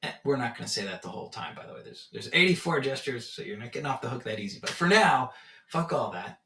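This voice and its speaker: This meditation teacher talks fast in a mid-range voice with vocal fry, and a faint hiss or hum sits under the audio. He tells stories animatedly during a casual spiritual teaching talk, playing out his own reactions, with roomy echo from a distant mic.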